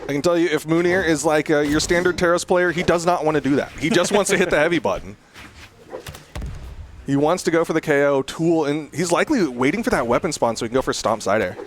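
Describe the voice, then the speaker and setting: A man's voice: on the high side, lively intonation, fast, a little hiss or hum. A man working as an esports caster, giving play-by-play commentary on a fighting game in short bursts.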